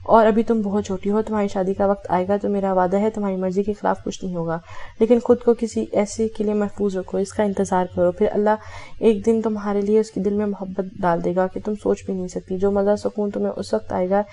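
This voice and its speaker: A woman's voice: medium pitch, level tone, mellow. A woman reading a romance novel aloud, voicing every character in her own voice with small self-corrections. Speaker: audiobook narrator.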